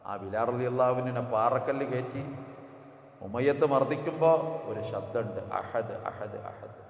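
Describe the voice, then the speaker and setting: Preacher in an echoing mosque hall. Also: male voice. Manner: moves between quiet low asides and slow melodic chanting. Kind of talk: Ramadan sermon. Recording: echoey hall with long reverb.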